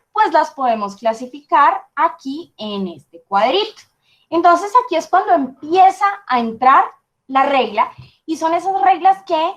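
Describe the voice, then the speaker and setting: A woman's voice: sits high, a bit bright. A woman teaching a class, explaining patiently and checking in often with her students.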